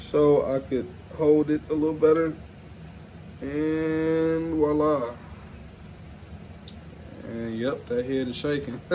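A man casually chatting through a toy unboxing, relaxed and slangy, often calling listeners "man". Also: mid-range voice, slight background noise. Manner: laid-back, slangy, says "man" often. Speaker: toy review vlogger.

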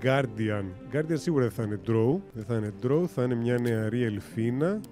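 A man's voice: medium pitch, mellow, faint music behind. A man streaming a game, chatting casually as he thinks aloud, running through options and cracking jokes. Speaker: gaming streamer. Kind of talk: casual let's-play commentary.

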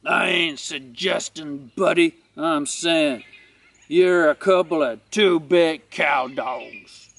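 A man voicing a gruff, bullying male boxer dog who snarls threats in a storybook reading. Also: a little high, slow pace, fairly bright tone, no room sound, heavily acted. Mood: hostile.

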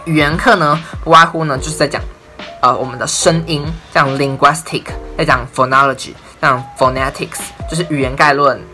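Bright-voiced young Taiwanese man, chatty. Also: a little high, steady tone, normal speed, faint music behind. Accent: Taiwanese Mandarin. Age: 20s. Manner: chatty, leans on "I'm telling you" and "and then". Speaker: university English major vlogger. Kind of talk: casual explainer talk to camera.

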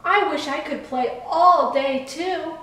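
A woman's voice: sits high, slow pace, fairly bright tone, voice pushed up. A woman voicing an eager, earnest young male lighthouse in a storybook. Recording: echoey room from far off.

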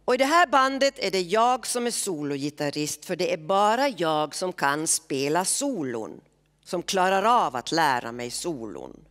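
A woman's voice: on the low side, big pitch swings, fairly bright tone, in a large hall. A woman voicing a foul-mouthed, quarrelsome teenage boy who leads a band, in a literary reading. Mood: boastful. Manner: crude, boastful, quarrelsome.

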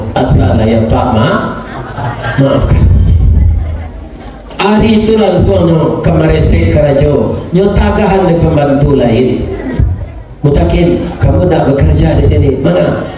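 A middle-aged man with a Minangkabau accent, preaching a sermon through a lively story, acting out the characters with big swings in pitch. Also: unhurried, music in the background. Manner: animated, acts out characters, shifts pitch often. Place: large hall or school assembly. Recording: echoey hall, distant mic.

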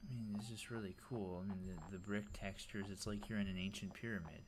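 Man, very low voice, loose enthusiastic game-tour commentary; hissy home recording. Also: steady tone, a little fast. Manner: rambling, filler-heavy, enthusiastic. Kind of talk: casual gameplay commentary.

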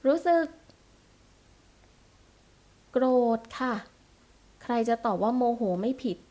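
Woman teacher, slightly high voice; patient, questioning delivery for a recorded class lesson. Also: steady tone, unhurried, a little mellow. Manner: patient, questioning, adds polite particles. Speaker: primary school teacher.

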